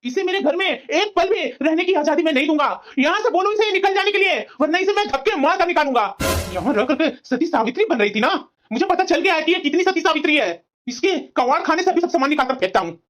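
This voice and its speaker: A woman voicing an angry young husband in a cartoon story, harsh and accusing, talking fast in a high voice. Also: lively intonation. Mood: scornful. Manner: shouting, scornful.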